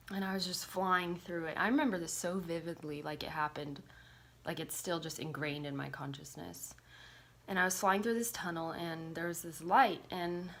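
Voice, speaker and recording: Lower-voiced woman telling a personal story. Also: gravelly, fairly bright tone, a little hiss or hum. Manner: casual, confessional, lots of "like" fillers; swears casually. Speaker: vlogger.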